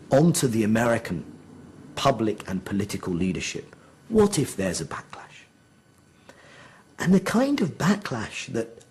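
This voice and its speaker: A man's voice: medium pitch, a little mellow. A man giving interview commentary in long, winding sentences.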